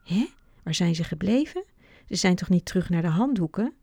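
A woman voicing a brave, lively young girl in a storybook reading. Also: medium pitch, a little fast, gravelly, dry recording. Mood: eager.

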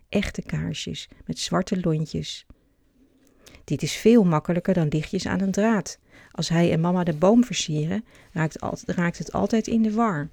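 A narrator calmly reading a children's story aloud. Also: mid-range voice, vocal fry, no room sound.

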